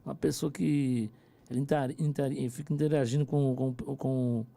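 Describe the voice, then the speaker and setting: A man's voice: medium pitch, fairly even intonation, moderate pace, creaky, warm tone. A Brazilian man with a São Paulo interior accent, a radio announcer chatting as a guest, talkative and hesitant, often repeating words. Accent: Brazilian Portuguese, São Paulo interior. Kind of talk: casual radio chat. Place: radio studio.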